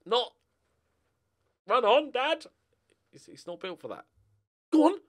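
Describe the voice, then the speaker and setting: Extremely high-pitched and sing-song, this middle-aged gaming streamer speaks slowly as he gives sweary, casual commentary on a football manager game. He addresses his players and his viewers via a close desk mic.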